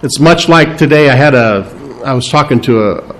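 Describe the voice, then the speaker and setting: A man's voice: mid-range voice, a bit bright, low-quality recording. A man preaching a verse-by-verse sermon, speaking unscripted with frequent fillers and restarts. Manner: unscripted, halting delivery with many fillers and restarts; explains scripture verse by verse, stressing key words. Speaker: pastor.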